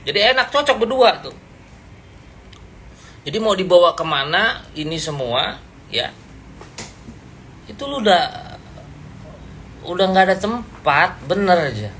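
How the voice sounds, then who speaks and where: Man, fairly high voice, blunt confrontational livestream rant, faint room hiss. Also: big pitch swings, unhurried, pauses often, pushed and bright. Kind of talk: ranting live stream to viewers. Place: indoors, seated.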